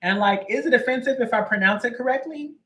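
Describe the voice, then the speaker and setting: A man's voice: very high voice, fast, sharp tone, a little hiss or hum, rough recording. A man hosting a live tarot reading, chatting casually with viewers and greeting them by name between joking asides. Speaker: tarot reader. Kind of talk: livestream chat before a reading.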